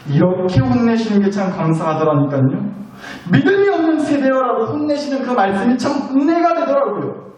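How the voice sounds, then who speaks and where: A man's voice: very high-pitched, big pitch swings, fairly quick, darkish tone. A man preaching a sermon, hammering home key phrases by repeating them with rising insistence. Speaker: pastor. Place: church sanctuary. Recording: echoey hall, distant mic.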